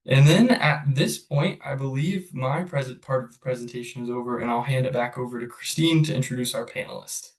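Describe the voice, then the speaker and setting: A man's voice: medium pitch, brisk, hardly any pauses. Man presenting from a roomy distance. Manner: hesitant, with fillers. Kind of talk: webinar presentation. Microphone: video call.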